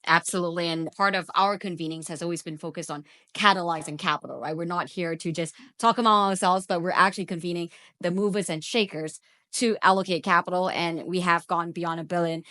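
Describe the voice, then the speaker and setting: A woman's voice: fairly low pitch, a little fast, bright, forceful tone. A woman hosting and moderating a panel discussion, affirming speakers and prompting guests for their stories. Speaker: host.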